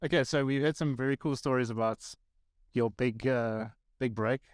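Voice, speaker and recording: A man's voice: medium pitch, steady tone, normal speed, soft background music. A man hosting a panel podcast who asks loose questions and often restarts his sentences. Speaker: podcast host. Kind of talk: casual interview questions.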